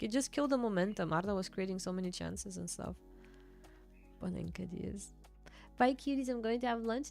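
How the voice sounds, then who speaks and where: A young Bulgarian woman streams casually, chatting with her viewers, reading and answering the chat and laughing quickly. Her voice is medium in pitch and has vocal fry.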